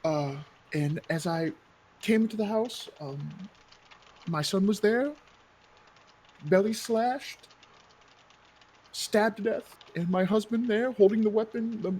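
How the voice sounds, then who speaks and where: Man doing a grieving widow, soft and halting, voice pushed high. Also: steady tone, husky, exaggerated voice. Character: distraught grieving widow, adult woman.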